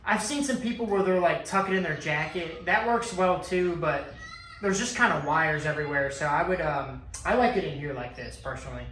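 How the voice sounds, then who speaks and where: A man's voice: a little high, fairly quick, fairly bright tone, roomy sound, a little hiss or hum, rough recording. A man giving a casual hands-on tutorial in a laid-back, informal way. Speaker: vlogger giving a how-to.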